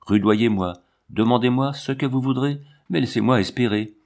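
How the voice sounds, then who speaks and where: A man's voice: mid-range voice, normal speed, darkish tone, close to an everyday voice. A man voicing an impassioned, lovestruck fairground performer who pleads eagerly. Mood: pleading.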